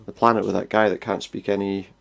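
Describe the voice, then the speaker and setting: A man's voice: lowish voice, little pitch movement, fast, creaky, a bit bright. A man hosting a game playthrough, musing wryly in casual commentary and reading game text aloud. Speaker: gaming video host.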